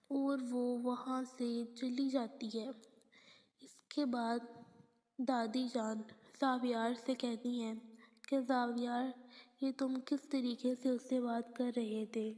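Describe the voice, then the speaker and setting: A woman retelling the plot of a TV drama episode scene by scene, reading the characters' lines in a plain recounting way. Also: fairly high pitch. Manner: plain recounting with quoted lines read flatly. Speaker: drama episode recap narrator. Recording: long hall reverb.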